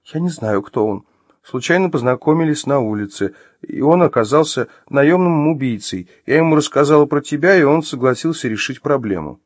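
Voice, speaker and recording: A man's voice: high-pitched, lively intonation, unhurried, breathy edge, no echo, voice pushed up, full character voice. A man voicing a terrified young woman, an ex-wife who pleads shrilly through tears, in an audiobook. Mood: frantic.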